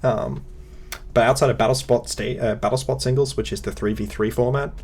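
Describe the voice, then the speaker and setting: A man's voice: mid-range voice, steady tone, a little fast, gravelly, darkish tone, slightly rough. A man hosting a casual chat about competitive games, rambling with lots of fillers and wry asides. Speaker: podcast host.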